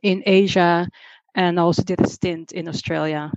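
On the low side and a little mellow, this Singapore-raised communications manager in her forties talks at a moderate pace with fairly even intonation. She's a chatty guest on a remote-call podcast interview, with plenty of ums and restarts; no echo, highs cut off.

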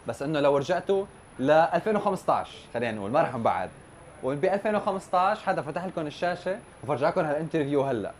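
Very fast-talking Levantine Arabic male host. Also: a little high, expressive. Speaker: podcast host. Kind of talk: casual conversational interviewing.

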